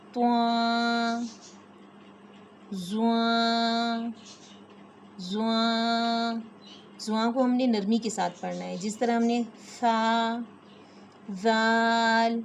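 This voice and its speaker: A woman leads a beginner's Quran reading lesson, stretching each letter sound long and even before slipping into fast, softer explanations. Her voice sits a bit high with very little pitch movement. A faint background hiss runs under the recording. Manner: drawn-out letter sounds between quick spoken explanations. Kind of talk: slow letter-by-letter recitation lesson.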